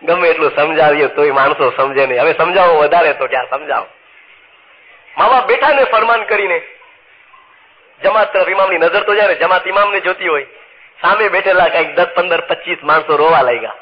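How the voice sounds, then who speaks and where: A man preaching with fervor, his fairly high voice climbing as he stacks up points and retells scenes. The recording is dull and lo-fi, with a faint hiss under it. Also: brisk. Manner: emphatic preaching that climbs in pitch on lists; retells scenes and acts out quoted speech. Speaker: missionary preacher. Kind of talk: religious sermon storytelling.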